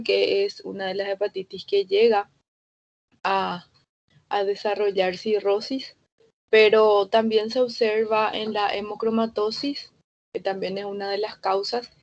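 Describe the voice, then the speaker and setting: A woman delivers a medical lecture in a steady, methodical way, working through terms one after another. Her voice sits at an ordinary middle pitch. The recording is dull and slightly lo-fi.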